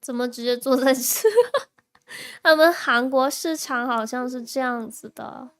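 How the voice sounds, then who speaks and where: Young woman streamer chatting w her viewers, slow easy pace, laughs a lot. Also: high voice, clean tone. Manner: chatty and reactive, laughs often, answers chat. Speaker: live streamer. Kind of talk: casual live-stream chat with viewers.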